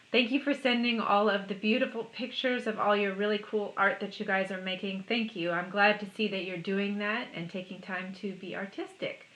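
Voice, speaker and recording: Woman art teacher, upbeat, encouraging, clear and slow for children, mid-range voice. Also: mid-range voice, fairly bright tone, poor audio. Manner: upbeat, encouraging, speaks slowly and clearly to kids. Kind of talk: video art lesson for children.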